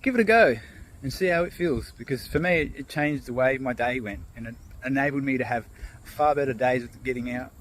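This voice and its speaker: A man's voice: medium pitch, fairly quick, slight background noise. A man vlogging while out on a walk, casually telling a fable and musing on feelings. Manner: relaxed, loose, with fillers and restarts. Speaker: motivational vlogger. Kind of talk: casual storytelling vlog. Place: outdoors on a walk.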